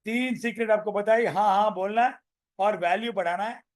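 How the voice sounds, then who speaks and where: High-voiced man coaching sales. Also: normal speed. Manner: energetic, repeats phrases, role-plays sales calls. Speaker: business coach. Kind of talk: live online training session. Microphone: video call.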